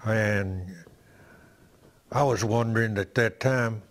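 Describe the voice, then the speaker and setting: Elderly Southern man, low rambling grandpa storytelling. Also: steady tone, roomy sound. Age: around 90. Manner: halting, folksy grandpa storytelling with self-corrections. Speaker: war veteran interviewee. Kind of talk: rambling reminiscence in an interview.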